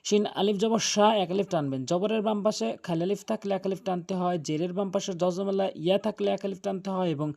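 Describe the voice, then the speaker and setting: Guy with a high voice teaching quran reading, goes letter by letter, really insistent. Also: brisk, gravelly, a little mellow. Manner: earnest, emphatic, drills pronunciation letter by letter. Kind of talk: religious lesson on Quran recitation.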